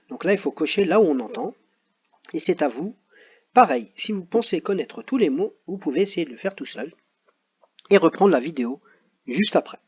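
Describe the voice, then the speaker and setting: A man teaching young pupils, reading out exercises and saying each word slowly twice. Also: fairly high pitch, husky. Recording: dull lo-fi audio.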